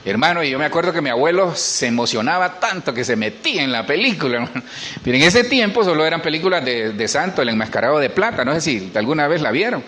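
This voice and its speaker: A man's voice: on the high side, expressive, fast talker, fairly bright tone. A middle-aged man, a pastor preaching a sermon in church and asking the congregation questions. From Honduras.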